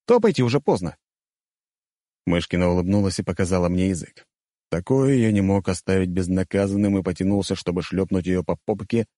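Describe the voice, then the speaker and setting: Deep, warm male reader for first-person fantasy narration, measured delivery. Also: no room sound, studio quality. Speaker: audiobook narrator.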